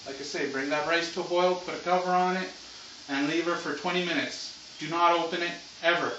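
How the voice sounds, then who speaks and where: A man's voice: on the high side, fairly even intonation, a little fast, bright, forceful tone, slight background noise. A man giving a casual, unscripted cooking demonstration as host, with a loose, slangy, laid-back stoner-like way of talking, recorded in a home kitchen on a distant camera mic. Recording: muffled, echoey room, far from mic.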